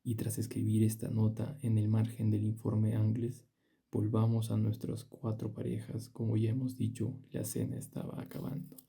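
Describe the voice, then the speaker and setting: A man reading a classic novel aloud as an audiobook narrator, in a measured, steady manner. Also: fairly low pitch, gravelly, slightly rough.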